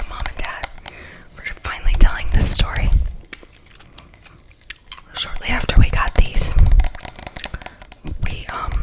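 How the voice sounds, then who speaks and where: Whispering ASMR woman, soft and breathy. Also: rough recording. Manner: soft, intimate, soothing, repeats words and phrases. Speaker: ASMR creator and host. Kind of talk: whispered ASMR unboxing and chat.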